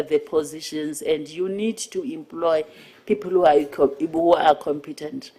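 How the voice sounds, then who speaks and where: A South African member of parliament making formal, unscripted committee remarks in a halting, emphatic way, often repeating words. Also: medium pitch, mellow, rough recording.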